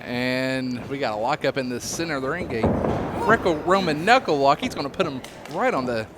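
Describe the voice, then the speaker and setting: Male play-by-play man, excitable and animated, a bit high, heavy background noise. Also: brisk. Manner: excitable, laughs easily, calls the moves. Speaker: play-by-play wrestling commentator. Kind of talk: live play-by-play commentary. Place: commentary desk at an indoor wrestling show in an education center.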